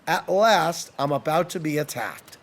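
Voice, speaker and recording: An exasperated devil bellows his complaints in a raised, lively voice, as a male storyteller puts him on. He swings between indignant outbursts and dry, weary asides. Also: fairly high pitch, unhurried, pitched below the performer's own voice. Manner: exasperated, shouting. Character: the devil, frustrated male ruler of hell.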